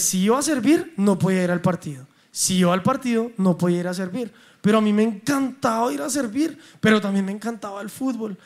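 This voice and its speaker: A young man with a Colombian accent preaches with a fairly high voice. He tells personal stories in an animated, humorous way, acting out dialogue as he goes.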